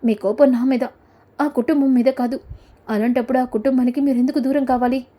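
A woman's voice: high voice, fairly even intonation, fairly quick, mellow. A woman reading the lines of a brave young daughter pleading with her mother in a retold TV serial. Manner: pleading, then crying out.

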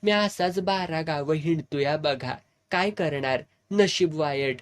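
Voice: medium pitch, unhurried, natural voice. A drunk young man who sobs and pleads in a rural Satara accent, pouring out his misery, played by a storyteller. He begs for help in a broken, self-pitying way. It sounds like a spoken audiobook. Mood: pleading, sobbing. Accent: rural Satara Marathi. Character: drunk weeping young man, a landlord's son.

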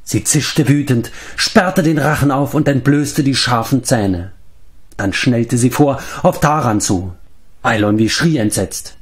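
A man reading a fantasy novel aloud as an audiobook, in measured, steady storytelling. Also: medium pitch. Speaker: audiobook reader. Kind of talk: scripted narration of a fantasy novel.

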